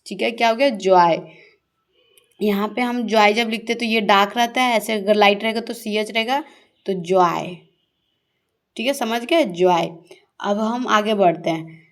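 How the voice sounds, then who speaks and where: A woman teacher goes through a shorthand lesson step by step. She asks her pupils a question, then answers it herself, and draws out each key word slowly so they can follow. Her voice sits at an ordinary middle pitch. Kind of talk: classroom-style shorthand lesson.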